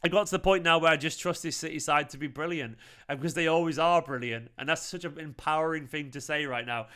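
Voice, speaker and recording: Mancunian man, fan stream host, excitable, sweary, bright voice, smooth clear tone. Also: on the high side, fast talker. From Manchester, England. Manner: excitable, sweary, chatty with viewers. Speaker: football fan channel host. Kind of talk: live post-match reaction stream reading chat.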